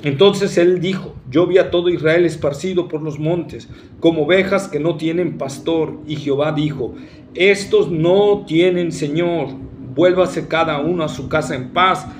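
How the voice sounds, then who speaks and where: A man's voice: fairly high pitch, unhurried, a little hiss or hum. A man preaching a sermon, emphatic and full of rhetorical questions to the congregation.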